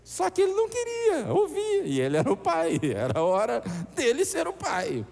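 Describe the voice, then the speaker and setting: A man preaching a sermon as pastor, animated and acting out voices in his stories. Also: very high voice, normal speed, creaky. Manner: animated, acts out voices in anecdotes. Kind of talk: storytelling sermon. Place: church. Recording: echoey church hall.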